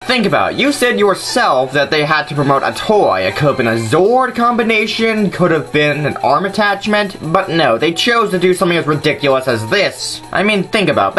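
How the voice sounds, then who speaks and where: A man's voice: on the high side, pushed and bright. A man hosting a scripted video commentary, arguing his points in an informal way. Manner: argumentative, informal. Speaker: host of a nitpicking response video.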